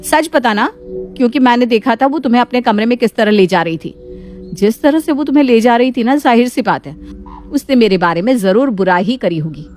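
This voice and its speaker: A woman plays a proud elder daughter-in-law in a cartoon story, scornful and dismissive. Her fairly high voice swings widely in pitch. Faint music plays underneath. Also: lively intonation, a little fast, a little mellow, natural voice. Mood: complaining.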